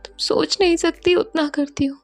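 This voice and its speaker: A woman voicing a tender young woman who soothes her lover in a soft, hushed, half-whispered voice. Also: high-pitched, steady tone, normal speed, faint music behind, pitched above the performer's own voice. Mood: tender confession.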